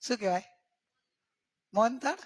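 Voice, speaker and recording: A man giving a religious discourse as a spiritual teacher. He keeps checking in with his listeners and draws key words out slowly for emphasis. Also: extremely high pitch. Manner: questioning, coaxing listeners with repeated checks.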